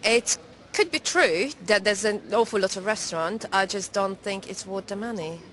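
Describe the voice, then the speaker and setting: A woman's voice: mid-range voice, moderate pace, a bit bright, a little hiss or hum. Frank woman giving opinions. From Hungary. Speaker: street interviewee.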